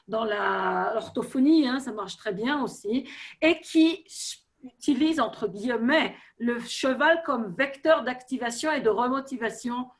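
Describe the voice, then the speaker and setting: A woman's voice: on the high side, unhurried. A non-native French-speaking woman with a foreign accent, explaining her field off the cuff and often searching for words. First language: not French. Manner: hesitant, searching for words, seeking agreement with tags. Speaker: therapeutic riding professional on a panel. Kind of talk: unscripted explanation in an online meeting. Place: web video meeting.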